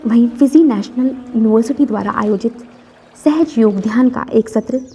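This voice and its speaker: Formal woman narrator, mellow voice. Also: a little high, a little hiss or hum. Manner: formal, measured. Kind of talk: scripted narration.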